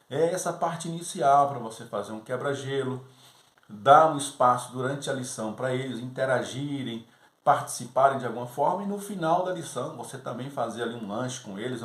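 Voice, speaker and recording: A man talks fellow teachers through a Sunday school lesson, easygoing and conversational. His voice sits at a middle pitch and often checks in with a quick "right?". The room around him is echoey. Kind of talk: teaching tips for youth class teachers.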